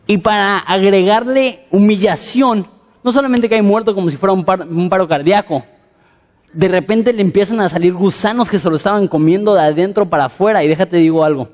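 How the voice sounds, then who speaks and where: A man preaching a sermon, animated and conversational with frequent fillers. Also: high voice, big-room sound.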